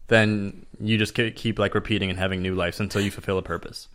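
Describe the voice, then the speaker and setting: A man's voice: lowish voice, steady tone, fast talker, fairly bright tone. A young man co-hosting a casual podcast, laid-back and a little hesitant as he explains things. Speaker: podcast co-host. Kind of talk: casual chat.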